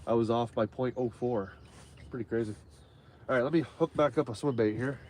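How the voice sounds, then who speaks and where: Out on a lake, this fishing livestream host chats casually through a stuffy nose, rambling with lots of fillers and false starts. He speaks a little fast at medium pitch, his tone slightly mellow, over faint background noise.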